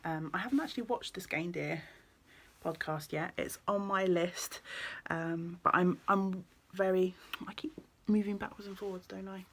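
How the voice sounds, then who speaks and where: A woman with a slightly low voice talks through her knitting projects in a casual vlog. She rambles warmly, filling pauses with ums and correcting herself as she goes, recorded indoors. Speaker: knitting vlogger and yarn shop owner.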